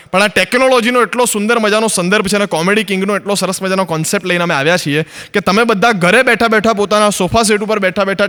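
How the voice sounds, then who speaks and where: Ahmedabadi guy doing standup, high voice, chatty, acts out the dialogue himself. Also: sharp tone, in a large hall. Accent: Ahmedabad Gujarati. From Ahmedabad, Gujarat, India. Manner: chatty storyteller acting out both sides of dialogues. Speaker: stand-up comedian. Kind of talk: stand-up comedy monologue. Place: stage, filmed for a comedy recording.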